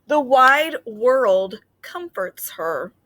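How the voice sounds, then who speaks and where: Her voice is a little high and sing-song, and she goes very slowly as she gently explains reading ideas to children with frequent fillers. Then she performs an expressive reading of a picture book.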